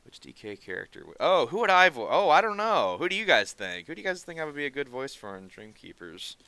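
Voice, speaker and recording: A man streams himself drawing and chats with viewers in a rambling way, muttering and making quick asides as he goes. His nasal voice sits fairly high and sounds sarcastic by default; he's very animated, with a bright, forceful, smooth tone and no echo.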